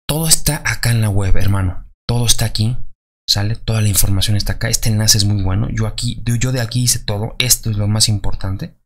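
Chatty Mexican man giving vlog advice. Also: mid-range voice. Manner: chatty, loose, many fillers and tags like "¿sale?". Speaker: vlogger.

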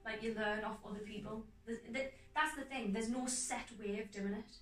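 Bright, eager young woman in a roomy space. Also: fairly high pitch, steady tone, distant mic. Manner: earnest, enthusiastic, talks in quick runs. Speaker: guest actor. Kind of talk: casual interview chat. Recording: roomy echo, off-mic, faint music behind.

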